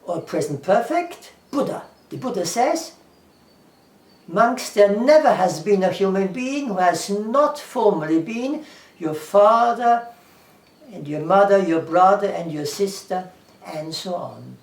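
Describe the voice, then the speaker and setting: Here a German-accented man with a high voice talks slowly but animatedly, as an English teacher addressing the camera casually. He comes across as earnest, going over points repeatedly, listing them one by one and quoting scripture, all captured far from the mic in an echoey space.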